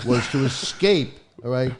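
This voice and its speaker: A man's voice: mid-range voice, animated, unhurried. A man arguing in an informal panel debate, insistent and emphatic, repeating his points. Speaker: talk show panelist.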